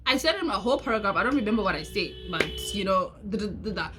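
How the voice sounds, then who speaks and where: A woman's voice: mid-range voice, expressive, fast, pushed and bright, a little hiss or hum. A young South African woman spilling a personal story in a loose, chatty vlog style. She rambles, repeats lines and skips over details with filler sounds. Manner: chatty, rambling, repeats herself and fills gaps with "da da da". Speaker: vlogger. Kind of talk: casual storytime.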